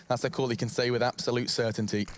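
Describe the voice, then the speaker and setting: A man delivers rapid play-by-play for a competitive shooter, his voice spiking upward whenever a big play lands. He talks briskly over clearly audible gunfire and game noise. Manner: excitable, voice leaps high in big moments. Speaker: play-by-play esports caster. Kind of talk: esports play-by-play commentary.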